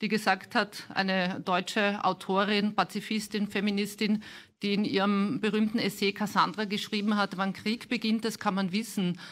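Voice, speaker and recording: A woman academic gives measured, articulate answers in a radio interview. Her sentences are long and carefully built. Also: mid-range voice, level tone. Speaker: university lecturer.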